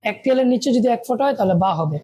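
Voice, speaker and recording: A woman's voice: a little high, lively intonation, very fast, mellow, slight background noise. A woman teaching Arabic letters, patiently calling out each one and asking and answering her own questions. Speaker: Quran reading teacher.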